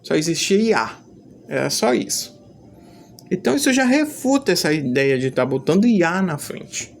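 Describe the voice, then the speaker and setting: A teacher giving an explanatory lesson, deliberate and insistent, pushing hard on key words. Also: medium pitch, big pitch swings, vocal fry, a little hiss or hum. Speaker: Hebrew teacher.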